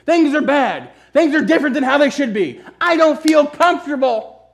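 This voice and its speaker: A man putting on a panicking disciple who whines frantically in a much higher, louder voice as the storm hits. He sounds shrill and strained, and the voice jumps well above his normal register. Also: animated, moderate pace, vocal fry, exaggerated voice. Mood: panicky. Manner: frantic, high-pitched whining.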